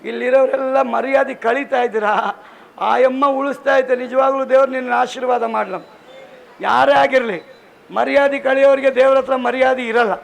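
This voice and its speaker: A man's voice: very high-pitched, gravelly, low-quality recording. A man preaching a sermon at a church service, fervent and repeating scripture lines with emphasis, breaking into joking asides. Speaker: pastor.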